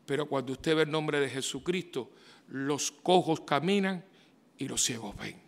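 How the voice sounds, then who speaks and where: A man, a priest giving a homily in a conversational way, full of rhetorical questions and sudden loud outbursts. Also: fairly high pitch, creaky. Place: church. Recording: reverberant church hall.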